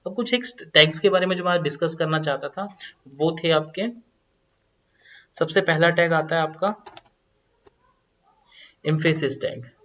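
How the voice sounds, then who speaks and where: A man with a fairly high voice talks through a coding lesson step by step and goes back over key phrases as he shows each change. The sound is dull and lo-fi, like a cheap voice-over mic. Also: steady tone, unhurried, long pauses, sharp tone. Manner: explaining step by step, repeats phrases. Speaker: coding tutorial teacher. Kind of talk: screen-recorded coding lesson.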